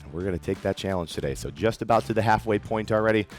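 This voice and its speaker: A man coaches a workout in a fairly low voice, calling out encouraging cues and counting down each set. Soft music plays faintly behind him. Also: expressive, fast. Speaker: fitness coach. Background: faint background music.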